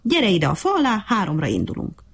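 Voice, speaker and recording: A woman's voice: medium pitch, huge pitch swings, vocal fry, slightly rough, voice pushed up, exaggerated voice. A woman voicing a boastful, arrogant male monkey in a storybook reading, mocking and bossy.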